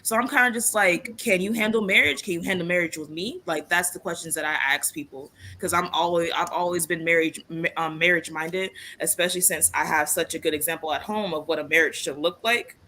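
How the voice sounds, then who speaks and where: A woman's voice: on the low side, steady tone, brisk, few pauses, sharp tone, slight background noise. A twenty-year-old woman guest speaking earnestly and thoughtfully on a casual talk show.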